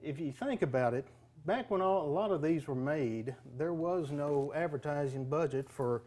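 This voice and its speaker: A man talking casually as a collector explaining his collection, with halting speech that pauses mid-thought. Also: a little high, darkish tone. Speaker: duck call collector being interviewed. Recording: clear background noise.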